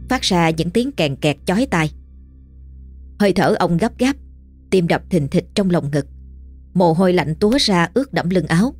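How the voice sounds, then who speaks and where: A woman reading a ghost story as scripted narration, steady and measured. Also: on the low side. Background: faint music.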